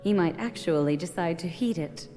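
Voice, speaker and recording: A woman playing a gentle, wise queen in a video game cutscene, with long reverb. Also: on the low side, moderate pace, loud music behind the voice, natural voice. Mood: tender, encouraging.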